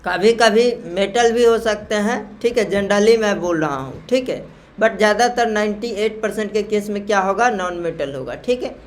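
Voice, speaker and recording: Male chemistry teacher, slow and repetitive. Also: high voice, faint music behind. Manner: repeats key terms slowly, checks understanding with questions. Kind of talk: classroom lecture on naming salts.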